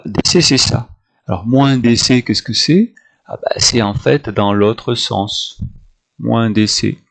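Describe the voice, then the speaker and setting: A male math teacher talks his students through a homework correction, counting grid squares out loud and pausing to move each step along. His voice has a gravelly, creaky edge and sits at an ordinary middle pitch.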